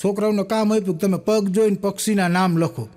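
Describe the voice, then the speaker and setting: A man's voice: sits high, quick pace. A young man, telling jokes on a live stage and acting out the people in them. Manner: animated storyteller acting out quoted characters. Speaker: stand-up comedian telling jokes. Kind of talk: Gujarati folk stage joke-telling. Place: live stage show with audience.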